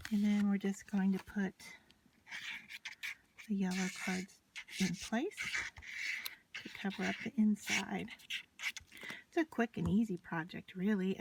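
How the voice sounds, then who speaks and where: A woman's voice: mid-range voice, a little mellow, rough recording. A woman talks casually through a hands-on craft demonstration step by step, unscripted, while she works with her materials. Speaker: craft tutorial presenter. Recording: clear background noise, scratching and clicks from handling materials. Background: scratching and clicking of craft materials.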